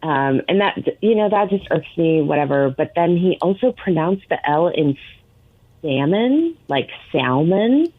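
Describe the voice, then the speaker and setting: Woman on a tinny phone call, kinda low voice, lots of ums, dry sound. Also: lively intonation, normal speed, no room sound. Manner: hesitant, filler-heavy. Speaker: woman called on air.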